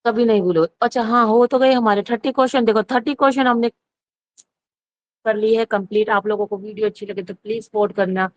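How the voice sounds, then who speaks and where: A woman's voice: on the high side, fairly even intonation, a little fast, dry recording. A woman teaching psychology for an exam, talking casually and often correcting herself, asking questions and answering them. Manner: repeats herself, self-correcting, asks and answers her own questions. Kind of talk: exam-prep lecture, casual Hindi-English mix. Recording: dry, dull lo-fi recording.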